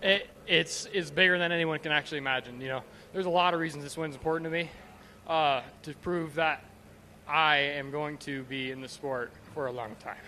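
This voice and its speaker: A man's voice: on the high side, fairly even intonation, brisk, bright, forceful tone, a little hiss or hum. A young man giving an emotional, breathless post-race interview at a racetrack as the winner, gushing and stumbling over his words. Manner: gushing, repeats himself. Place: trackside at a racetrack, outdoors.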